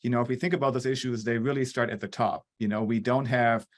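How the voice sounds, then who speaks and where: A man with a mid-pitched voice speaks as an academic guest. He lays out his points fluently and with emphasis, in an analytical tone. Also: fairly even intonation, fast. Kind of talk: analytical discussion.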